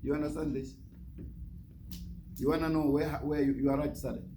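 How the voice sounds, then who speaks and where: A guest imam with a fairly high voice that barely moves in pitch gives a religious lecture at a moderate pace. He repeats phrases and poses questions to those listening. The recording carries noticeable background noise.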